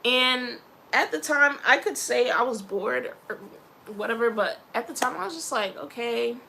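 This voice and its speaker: A young woman vlogger casually telling stories to camera, animated and acting out the people she quotes. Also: a little high, moderate pace, gravelly, a little hiss or hum, poor audio. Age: young adult. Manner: animated, quoting others in lively voices. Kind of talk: casual storytelling vlog.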